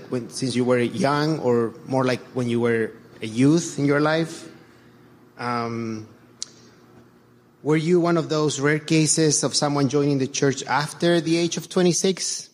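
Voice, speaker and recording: A middle-aged church elder from Chile gives his congregation an earnest, halting reflection full of fillers and restarts. His voice is fairly high in pitch.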